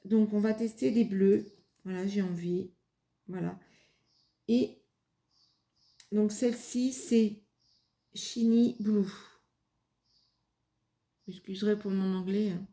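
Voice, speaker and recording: A woman's voice: medium pitch, steady tone, moderate pace, warm tone. A woman hosting a craft video, talking casually and hesitantly as she demonstrates and tests materials. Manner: hesitant, many fillers and restarts. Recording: echoey room.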